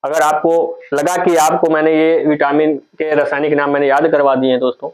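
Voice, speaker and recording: The poor audio carries a loud crowd behind a man whose voice is on the high side, brisk and fairly monotone. Addressing viewers as friends, he teaches memory tricks for a general studies lesson, repeating himself and answering his own questions.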